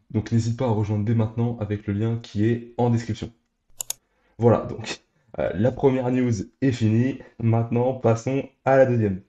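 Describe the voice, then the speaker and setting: A man's voice: medium pitch, dark tone, echoey room, lo-fi sound. A young man hosting a crypto news channel, talking straight to his viewers in an upbeat, scripted way. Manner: upbeat, direct address to viewers. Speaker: crypto YouTube host.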